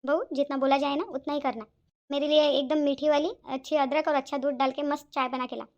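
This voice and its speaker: A woman's voice: sits high, flat delivery, fairly quick, darkish tone, lo-fi sound. A woman doing a bossy old mother-in-law. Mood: scolding. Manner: scolding, complaining. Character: bossy elderly mother-in-law, sharp-tongued. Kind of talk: cartoon voice acting.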